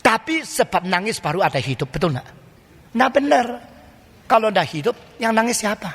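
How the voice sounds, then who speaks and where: Emphatic older male preacher, high bright voice. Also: very animated, moderate pace, breathy edge. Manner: emphatic, with many rhetorical questions. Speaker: pastor. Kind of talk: sermon. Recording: long reverb of a large hall.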